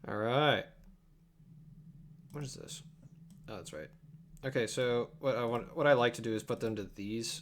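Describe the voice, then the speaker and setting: A young man streams himself editing an abridged anime dub indoors at his computer, chatting offhandedly and muttering his thoughts. His lowish voice is creaky and a bit bright, and faint keyboard and room sounds run underneath.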